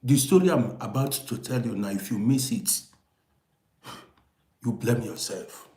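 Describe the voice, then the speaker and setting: This 58-year-old Viennese livestream host is an unhurried storyteller with a mellow, mid-range voice and lively intonation. Informal yet emphatic with viewers, he repeats his phrases insistently, and the room sounds echoey.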